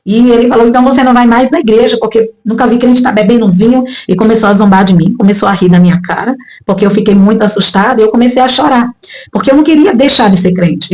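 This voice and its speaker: A woman in her thirties from Brazil telling a personal religious testimony in casual talk, emotional and rising high when she quotes her own prayers, with frequent tag questions. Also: darkish tone, rough recording. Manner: frequent "né?" tags. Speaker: testimony speaker.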